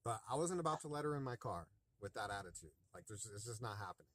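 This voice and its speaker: Brief: man, rideshare driver venting on a phone call, bright, dry close sound. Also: lowish voice, lively intonation, fast, no room sound. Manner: rambling, talks it through with many fillers. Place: in his car, also the vlog setting.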